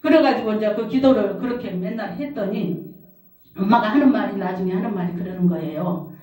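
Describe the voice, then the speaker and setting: A woman's voice: mid-range voice, fairly quick, warm tone. A middle-aged woman, a pastor's wife, preaching a sermon and telling a personal testimony, repeating phrases for emphasis. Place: prayer house service hall. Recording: roomy hall, distant mic.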